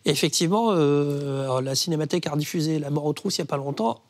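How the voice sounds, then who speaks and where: A man discussing cinema history in a casual studio chat. His voice sits a little high, and he stops and restarts often, filling gaps with hesitations. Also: fast. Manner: hesitant, many fillers and restarts. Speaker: film history panelist.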